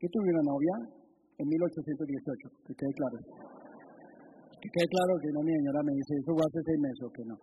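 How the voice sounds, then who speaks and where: Emphatic preaching pastor, higher-pitched man. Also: a little fast, slightly rough, narrow, tinny audio. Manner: emphatic preaching, swings between loud outbursts and low asides. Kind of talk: sermon.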